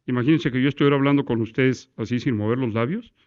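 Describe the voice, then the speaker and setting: A man's voice: medium pitch, fast, a little mellow, dull audio. A man teaching a class on breathing and diction, demonstrating exercises and quizzing his students. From Mexico. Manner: demonstrative, asks the class questions, recites verse in one breath. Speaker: law course instructor. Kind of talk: classroom lecture on voice technique.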